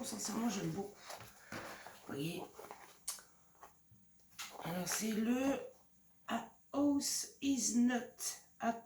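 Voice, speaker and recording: In her home craft room, a woman with a gravelly, mid-range voice gushes during a casual show-and-tell for her scrapbooking vlog, peppering her talk with "franchement" and "regardez-moi ça." It's recorded from a distance in a noisy, echoey room.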